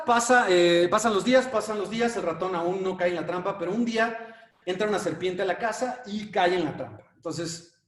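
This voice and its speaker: A man with a Mexican accent gives a lively conference talk and tells a fable along the way. He repeats words and fills pauses often. His fairly high voice echoes in a roomy space and is picked up from a distance. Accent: Mexican Spanish. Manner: animated, repeats words, many fillers. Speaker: conference speaker. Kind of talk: lecture with storytelling. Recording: echoey room, mic at a distance.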